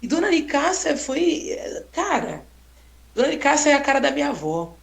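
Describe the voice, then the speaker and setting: A woman photographer telling a story in a casual, expressive way, exclaiming often and tagging sentences with "né?". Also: high voice, moderate pace, creaky. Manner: expressive, exclaiming, frequent "né?" tags. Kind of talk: casual storytelling on a live stream. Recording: roomy echo.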